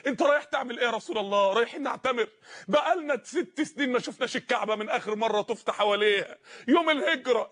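A man with an Egyptian Arabic accent preaching an impassioned sermon, repeating phrases and at times shouting. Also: very high-pitched.

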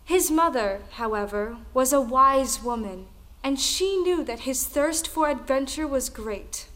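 An actress plays a female storyteller narrating an old folktale in an audio play, a scripted, dramatic piece with a storytelling mood. Her voice is high-pitched, expressive and a bit bright, and she keeps a measured pace. Music plays behind her.

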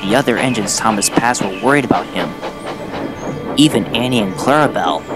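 A man telling a storybook tale in a gentle, even narration. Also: fairly low pitch, brisk. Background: loud music.

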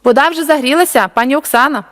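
A woman doing a brisk camp cook. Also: sits high, a bit bright, in a large hall, voice pushed up. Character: busy camp cook woman calling from kitchen.

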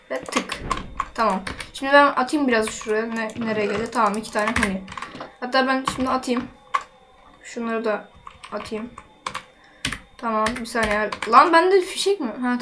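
A woman with a slightly high voice chats away to herself and her viewers as she builds, giving casual gameplay commentary over some background noise. The host of a gaming channel, she keeps up a chatty flow broken by quick exclamations.

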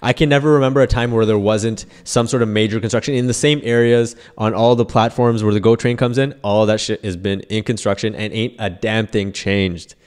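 A man's voice: on the low side, steady tone, brisk, few pauses, darkish tone, clear, resonant tone. A man in his thirties with a Toronto accent, bantering casually and bluntly as a podcast co-host, full of slang and swearing. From Toronto, Canada. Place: small indoor podcast studio. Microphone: close boom-arm podcast microphone.

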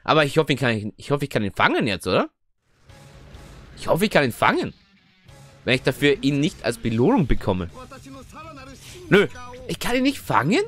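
A young man giving chatty, excitable let's play commentary, often tagging his sentences with little questions. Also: medium pitch, normal speed, long pauses. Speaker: gaming video host. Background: faint game music.

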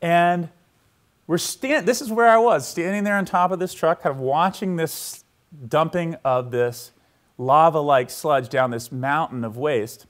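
A man's voice: fairly high pitch, unhurried. Male history lecturer, casual and storytelling, speaks to a live audience in a lecture hall and checks in often. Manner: conversational, keeps checking in with the audience; storytelling, asks listeners to picture a scene.

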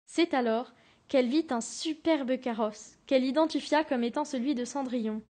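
Student narrating a storybook, high voice. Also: female voice, normal speed, darkish tone. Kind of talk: school class storybook narration.

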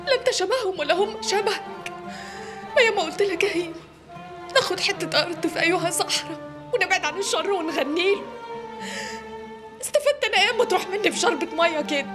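A fiery working-class Egyptian woman in a TV drama, rattling off her words at top speed in a very high voice. She is sharp-tongued and quick to lament or scold. Drama music plays clearly underneath. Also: lively intonation. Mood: grieving. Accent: Egyptian Arabic. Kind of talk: TV drama acting.

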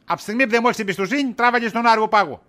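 A man's voice: high voice, pushed and bright. A man playing a tired middle-aged shopkeeper in a comedy sketch, exasperated and dodging his wife's questions with wisecracks. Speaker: husband.

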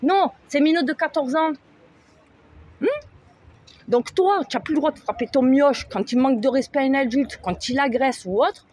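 A woman's voice: high voice, animated, normal speed, a little mellow. A woman, ranting angrily to camera, heated and agitated, forever asking "hein?". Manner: agitated, heated, talks at the viewer with frequent "hein?". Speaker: mother vlogger. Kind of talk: angry rant to camera. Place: in a vehicle on the road.

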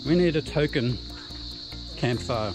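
An Australian man, a camping vlogger, narrates a casual walk-through of an outdoor bush campsite, filmed on a handheld action camera. His mid-range voice is slow, relaxed and plain-spoken, like an unhurried tour guide, with music playing in the background.

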